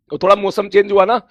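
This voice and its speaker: A hoarse male teacher from India chatting casually with his students before an online class, repeating greetings and laughing often. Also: high-pitched, dry recording, muffled recording.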